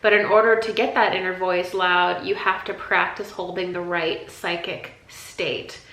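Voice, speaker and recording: Bright-voiced woman in an echoey room. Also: medium pitch. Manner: rambling, conversational, repeats words and restarts. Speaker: intuition teacher. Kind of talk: casual spiritual teaching talk.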